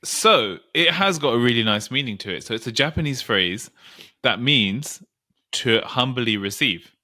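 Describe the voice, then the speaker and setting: A man's voice: medium pitch, expressive, moderate pace, sharp tone. A man co-hosting a podcast in casual chat, playful and given to explaining things at length. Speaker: podcast co-host.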